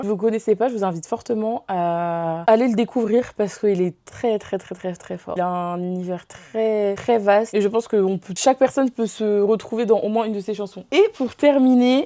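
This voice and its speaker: A woman's voice: mid-range voice, warm tone. A young woman from France chatting casually to the camera in her bedroom about her haul, enthusiastic and giggly with lots of slang. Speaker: beauty and haul vlogger. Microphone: camera very close to her face.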